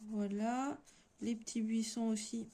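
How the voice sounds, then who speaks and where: A woman's voice: fairly high pitch, steady tone, a little slow, dark tone. A woman with a French accent hosting a casual coloring-along, chatting and thinking aloud as she works. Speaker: coloring channel host.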